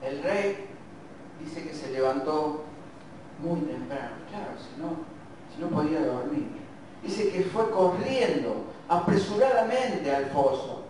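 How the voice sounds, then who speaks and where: Reading scripture and preaching in a church hall, this Argentine-accented man speaks slowly and reflectively, thinking out loud and self-correcting, yet his slightly high voice sounds animated. The distant mic captures heavy church echo and a faint hiss.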